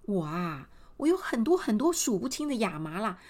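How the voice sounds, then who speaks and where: A woman voicing a grand, commanding queen in a told fairy tale, speaking loudly and with exclamations. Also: medium pitch, moderate pace. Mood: generous. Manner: loud, exclaiming, lively.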